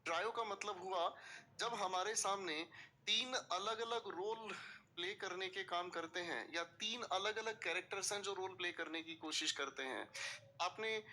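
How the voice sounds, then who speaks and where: A man's voice: high-pitched, a little slow, bright, forceful tone, slight background noise. A man teaching English vocabulary in a classroom-style video lecture, explaining patiently and asking students to repeat words. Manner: mixes English terms into Hindi explanation.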